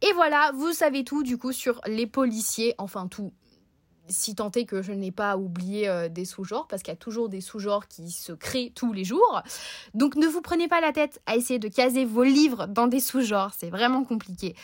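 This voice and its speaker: A woman's voice: fairly high pitch, animated, normal speed, no room sound. A woman presenting a scripted book podcast chronicle, breaking it up with playful, self-mocking asides.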